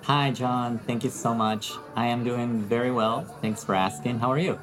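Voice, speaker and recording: A man's voice: medium pitch, steady tone, moderate pace, over music, low-quality recording. A man from Peru, an English teacher, talking in a friendly, thoughtful way as an interview guest, with some fillers. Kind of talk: interview conversation.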